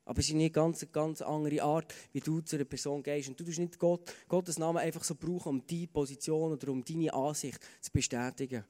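A Swiss German man preaches a sermon with a slightly high voice. He talks earnestly and conversationally, often restarting phrases. His words ring out with a long reverb from a large church hall. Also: fairly even intonation, a little fast, few pauses, mellow. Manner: earnest, conversational, with fillers and repeated starts. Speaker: pastor. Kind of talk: sermon with personal stories.

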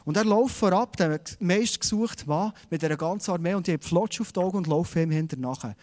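A young man with a Swiss German accent preaching a sermon, telling a story with lively acted-out voices. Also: high voice, quick pace.

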